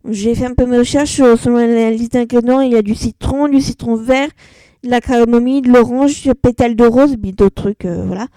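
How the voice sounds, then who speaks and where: A woman's voice: fairly high pitch, a little fast, dark tone, dry recording. A woman vlogging casually about her purchases, talking hesitantly with many fillers and restarts. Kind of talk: casual product review vlog.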